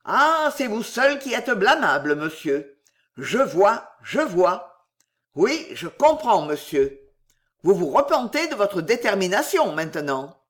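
A woman's voice: mid-range voice, big pitch swings, slow pace. A woman voicing a jealous, indignant middle-aged man in an audiobook, blustering and menacing. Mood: angry, accusing. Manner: blustering, menacing, repeats "monsieur". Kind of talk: audiobook character reading.

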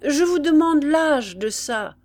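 A woman voicing a rough but kind army camp woman with a brisk, soldierly manner. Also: a little high, sing-song, darkish tone.

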